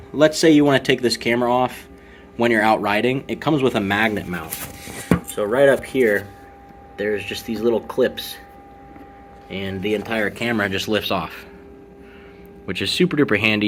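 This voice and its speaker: Male motovlogger, lowish pitch, casual explanatory product walkthrough, slight background noise. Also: a bit bright. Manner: informal, conversational explaining. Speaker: motovlogger presenting gear.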